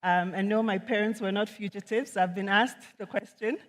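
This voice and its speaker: A woman from Ghana, an economist, giving a conference talk in a measured, earnest way with frequent ums. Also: medium pitch, steady tone. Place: large conference hall. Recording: long hall reverb.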